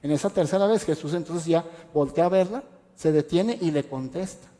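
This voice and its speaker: A man's voice: a little high, moderate pace, mellow. A man, preaching a radio sermon as pastor with passionate rhetorical questions. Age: adult parent. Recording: echoey hall reverb.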